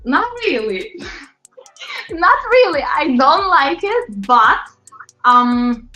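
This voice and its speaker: A woman from Latvia, a pop singer guest, chatting in a lively, animated way in an interview. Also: high voice, very slow. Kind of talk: casual interview talk. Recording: roomy, slightly muffled sound with faint music.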